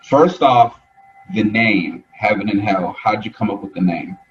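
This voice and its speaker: A man's voice: on the low side, a little slow, faint music behind. A man hosting a casual livestream interview, laid-back and slangy in the way he talks. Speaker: interview host. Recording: distant, dull audio with faint noise.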